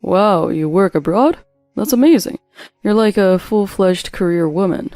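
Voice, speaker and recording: A woman voicing a charming but manipulative young man in a narrated story, speaking in a calm, smooth-talking way. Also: medium pitch, measured pace, no room sound, clean studio sound, soft background music, close to an everyday voice. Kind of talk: story narration with voiced quotes.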